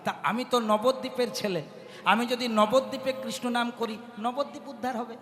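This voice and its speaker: A kirtan singer and preacher gives a devotional kirtan sermon, repeatedly turning to the audience with direct questions. His voice is very high and fairly bright, at a normal speed with fairly even intonation, in a long reverberant hall with music.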